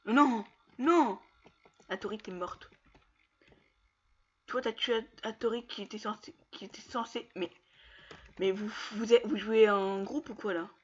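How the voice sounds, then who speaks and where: A man's voice: moderate pace, long pauses, slightly rough. Hyped gamer dude narrating his match, trash-talks the other players, kinda lo-fi mic. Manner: excitable, taunts opponents, bursts into high yells. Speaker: gamer streaming gameplay. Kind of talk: casual gaming commentary.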